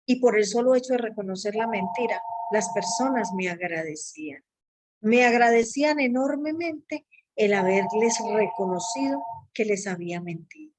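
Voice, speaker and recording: Woman, earnest personal testimony; dramatizes quotes with pitch leaps. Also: lively intonation, normal speed, background noise. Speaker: speaker giving a testimony.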